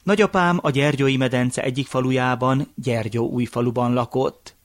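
A man telling a folk tale at an unhurried, measured pace. His voice is mid-pitched, and the recording is dry and close with no room sound. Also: steady tone, no room sound. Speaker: storyteller.

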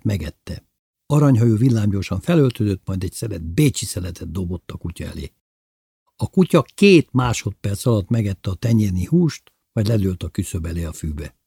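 A man narrates a literary story in the first person, calm and measured. His voice is low, dark and very husky. The recording is dry and close, with no room sound. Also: dry recording.

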